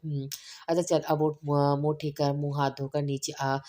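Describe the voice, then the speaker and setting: A woman's voice: deep voice, flat delivery, moderate pace, dark tone, lightly acted. A woman voicing a young woman friend giving persuasive advice, in a storybook reading. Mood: coaxing. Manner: persuasive, advising.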